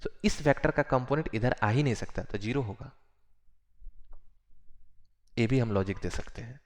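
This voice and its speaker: A male physics teacher giving a classroom lecture, repeating phrases slowly and mixing Hindi with English. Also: medium pitch.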